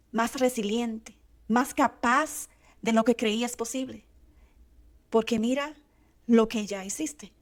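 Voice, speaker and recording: A middle-aged woman from Latin America hosts her own channel with a somewhat high voice. She speaks straight to the listener in a slow, deliberate motivational monologue. Each short phrase is weighed and set apart by a pause. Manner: earnest, speaking directly to the listener. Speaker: host.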